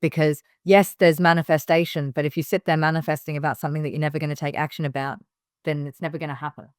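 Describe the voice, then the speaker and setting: Speaking fast in a low voice with fairly even intonation, a middle-aged Hong Kong woman who founded a business offers blunt, emphatic advice during a relaxed interview, often restarting and using fillers. The sound is studio quality with no room sound.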